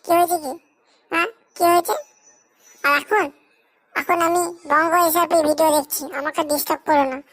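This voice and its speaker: A woman's voice: extremely high pitch, fairly even intonation, a bit bright. A woman voicing an impatient young girlfriend who brushes off and scolds her boyfriend in a comedy sketch. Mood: irritated. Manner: brusque, scolding, rapid retorts.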